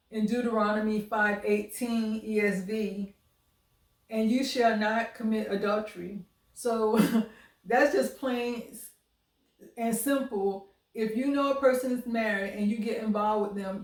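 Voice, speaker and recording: An American woman giving candid dating advice in a monologue, speaking in a blunt, emphatic, admonishing way. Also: on the high side. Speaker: relationship advice vlogger. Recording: roomy echo, distant microphone.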